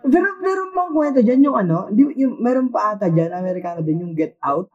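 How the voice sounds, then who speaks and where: A young man from the Philippines in casual chat, animated and chatty, often trailing off mid-thought. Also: very high voice, quick pace, a crowd in the background. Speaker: podcast co-host. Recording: dull lo-fi echoey sound.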